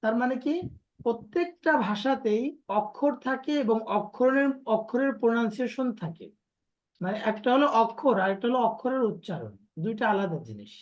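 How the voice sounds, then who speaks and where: A woman's voice: on the high side, very animated, brisk, darkish tone, muffled recording. Patient woman teaching letters online. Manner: patient, repeats and drills letters with students. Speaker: Quran recitation teacher. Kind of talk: online class lesson.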